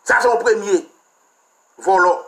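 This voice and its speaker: Haitian guy ranting about politics, high voice, real sharp and bright, crude and mocking. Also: unhurried. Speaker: political commentator. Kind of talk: heated political rant.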